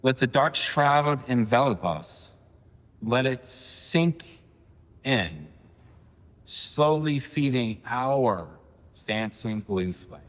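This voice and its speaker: A man in his forties giving a poetry reading, with halting, filler-heavy asides between poems. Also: mid-range voice, lively intonation, in a large hall. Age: 40s. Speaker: poet. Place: reading venue.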